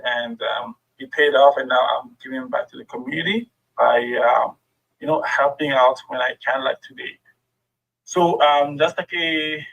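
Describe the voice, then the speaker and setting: Presenting a friendly workshop over video call, a middle-aged man with French as his native tongue speaks with a French accent and many fillers. As a guest speaker, he has a gravelly, mid-range voice with a fairly bright tone, and the audio sounds dull.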